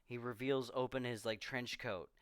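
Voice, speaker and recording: A man in a casual podcast chat, walking through a movie scene by scene and dropping into quick quoted lines for the characters. His voice is smooth and resonant, recorded close and dry with no room sound. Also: medium pitch, steady tone, no room sound. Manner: rambling, retells scenes with quoted voices and laughs. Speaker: podcast co-host.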